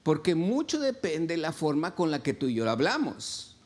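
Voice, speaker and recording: A man's voice: fairly high pitch, huge pitch swings, moderate pace. A man, a pastor preaching a sermon and asking his congregation questions. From Mexico. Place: church.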